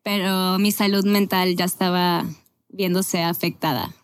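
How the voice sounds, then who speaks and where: A woman in her twenties from Venezuela, a podcast guest talking candidly and casually about her life, with quick self-corrections. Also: lowish voice, flat delivery, smooth. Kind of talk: casual conversational storytelling.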